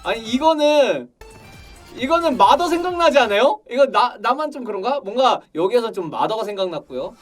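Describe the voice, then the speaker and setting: High, excitable man reacting to a game. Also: moderate pace. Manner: excitable, gushing exclamations. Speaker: streamer reacting to a game trailer. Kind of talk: casual reaction commentary. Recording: slightly distant mic with music behind.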